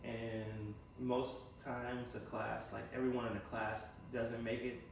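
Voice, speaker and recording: A young man, a vlogger studying to become a physical therapy assistant, chats to the camera in a casual personal vlog, thinking aloud reflectively. His medium-pitched voice is heavy with gravelly fry, his delivery flat and slow. The mic is well away from him in a strongly echoing room, and there's faint noise.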